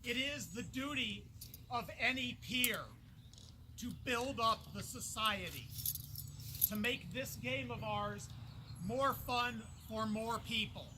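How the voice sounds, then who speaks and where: A man delivering a formal, declamatory ceremonial speech with measured pauses, as a master of an order. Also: extremely high pitch. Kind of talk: formal ceremonial speech in a historical reenactment society. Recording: noisy outdoor event recording.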